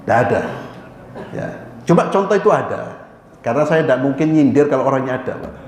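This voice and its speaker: Lively preacher in an echoey mosque. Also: male voice, mid-range voice, a little fast, a little hiss or hum. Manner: animated, asks and answers his own questions, addresses listeners as "Pak". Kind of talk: mosque sermon. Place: mosque hall. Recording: echoey mosque hall with long reverb.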